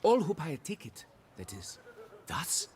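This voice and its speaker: A man's voice: fairly high pitch, huge pitch swings, measured pace, a little mellow. A male actor playing a self-important, florid exhibition keeper in a video game, with theatrical delivery. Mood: solemnly pompous.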